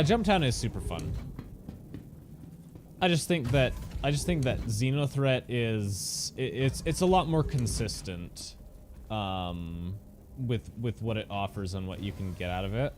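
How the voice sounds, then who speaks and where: A man's voice: lowish voice, lively intonation, unhurried. A man streaming a game and chatting casually, rambling with lots of fillers and restarts. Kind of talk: casual gameplay chat. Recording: game engine noise behind voice.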